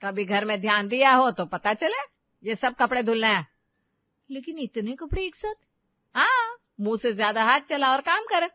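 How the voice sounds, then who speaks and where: A woman's voice: a little high, animated, moderate pace, no echo, lightly acted. A woman voicing a stern, scheming middle-aged mother-in-law in a cartoon story, bossy and scolding, on dull, dry, lo-fi audio. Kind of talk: animated storybook voice acting.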